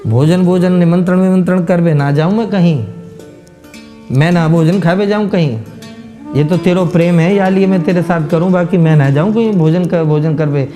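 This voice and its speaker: A playful young cowherd god, put on by a male storyteller, sweetly pleading with his friend in rustic Braj speech. His voice sits high yet mellow and soft-edged, with faint instrumental music underneath. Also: moderate pace, close to an everyday voice. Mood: affectionate. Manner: coaxing, pleading, folksy.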